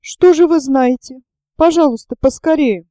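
A woman's voice: sits high, moderate pace, dark tone, no echo, clean studio sound, close to an everyday voice. A woman voicing an imperious older noblewoman who speaks in a commanding, curt, indignant way in an audiobook. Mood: impatient.

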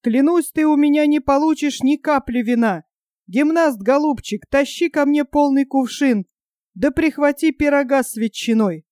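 Gruff hearty monk, scolding, read by a woman, high, dry close sound. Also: normal speed, a little mellow, no echo, lightly acted. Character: hearty, gruff male monk who loves wine.

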